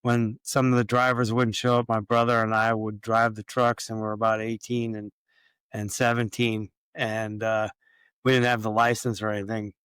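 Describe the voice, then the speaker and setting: A man from Jamaica, a yacht captain, talking as a guest in a relaxed, hesitant way with many fillers. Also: on the low side, moderate pace, smooth, dry recording. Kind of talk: casual interview chat.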